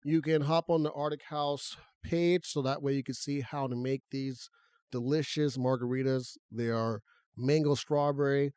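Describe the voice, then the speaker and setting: A man co-hosts a podcast with an easygoing conversational manner, often restarting his sentences as he thinks aloud. His voice sits at an ordinary middle pitch. It is recorded close and dry, with no room sound. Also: moderate pace, clear, resonant tone, dry recording. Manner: relaxed, conversational, talks through restarts. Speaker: podcast co-host. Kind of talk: casual podcast chat.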